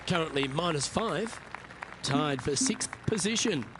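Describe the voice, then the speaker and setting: A man playing a composed, encouraging golf commentator in a video game, calling play in measured, clipped phrases. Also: fairly high pitch, expressive. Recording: outdoor crowd and ambient noise behind.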